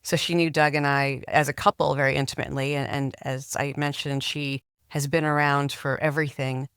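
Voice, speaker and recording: Middle-aged woman host, earnest, halting; smooth, dry close sound. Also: low-pitched, little pitch movement, fairly bright tone, no echo. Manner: earnest, halting with repeated words. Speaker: podcast host. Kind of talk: interview.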